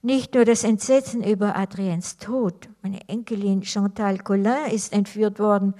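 A woman reads the part of an elderly grandmother, earnest and worried in a storybook reading. The lines come slowly and deliberately, in nearly the reader's own voice. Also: mid-range voice, steady tone, dark tone, lightly acted.

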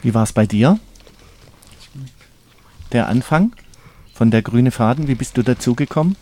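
A man's voice: medium pitch, lively intonation, measured pace, dark tone. A man co-hosting a studio interview, asking friendly and encouraging questions. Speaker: co-host interviewer. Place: radio studio.

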